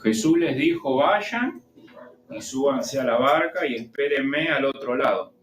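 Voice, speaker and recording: A man preaching a sermon, reading scripture slowly and adding explanatory asides. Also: mid-range voice, lively intonation, a little hiss or hum. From Argentina. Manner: slow, deliberate preaching with pauses and asides. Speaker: pastor. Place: church hall. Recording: echoey church hall with music behind. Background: music.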